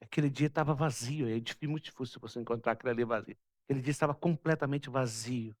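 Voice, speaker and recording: A man from Brazil, a pastor, preaching a sermon and telling a personal story, moving between loud passages and hushed ones. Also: medium pitch, fast.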